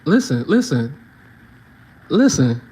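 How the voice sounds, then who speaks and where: Animated young man mocking in slang. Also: medium pitch, takes it slowly, husky. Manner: slangy, mocking, laughs often, acts out others' voices. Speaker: commentator reacting to a video. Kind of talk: casual reaction commentary.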